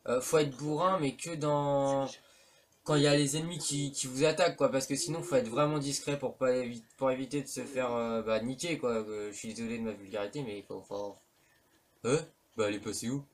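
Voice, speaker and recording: This let's play commentator has a mid-range voice and a steady tone, speaking a little fast. His casual gameplay commentary rambles, hesitant and packed with fillers and slang. Faint noise sits in the background.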